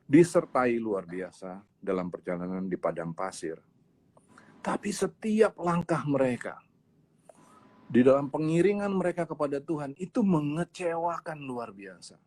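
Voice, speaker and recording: A man's voice: lowish voice, a little mellow. A male pastor giving a casual, conversational sermon, emphatic and full of rhetorical questions.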